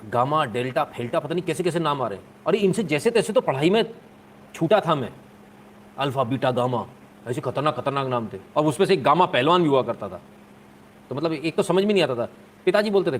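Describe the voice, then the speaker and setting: Man, live stream host, casual sarcastic chat, fairly high pitch, faint noise. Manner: chatty, joking, sarcastic.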